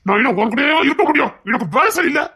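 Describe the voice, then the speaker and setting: A woman's voice: high voice, lively intonation, racing, pushed and bright. A woman voicing an angry, dismissive husband in a Tamil audio drama, curt and threatening. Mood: irritated.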